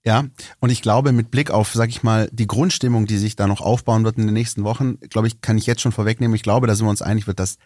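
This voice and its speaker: A man with a somewhat low voice hosts a casual podcast chat, feeling his way through his points with frequent restarts and fillers. He, and the sound is close and dry. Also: steady tone, fast, hardly any pauses, a little mellow, no room sound. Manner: hesitant, many fillers and restarts, thinking aloud. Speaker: podcast host.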